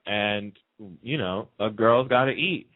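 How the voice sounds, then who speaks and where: A lowish-voiced man speaks at a slow pace on a muffled, narrow phone-like line. He's a radio show participant chatting casually and emphatically, airing his views about what's happening in TV soaps.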